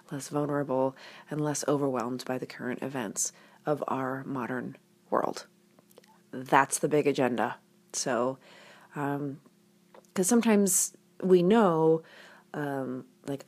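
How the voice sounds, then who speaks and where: A woman's voice: deep voice, a little mellow. A woman hosting a podcast, talking casually and candidly to the listener, often letting phrases drop to a near-whisper. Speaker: podcast host.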